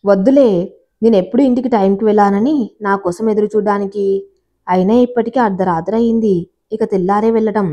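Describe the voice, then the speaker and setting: A woman's voice: medium pitch, fairly even intonation, fairly quick, dark tone, close to an everyday voice. Woman voicing a coy teasing young woman.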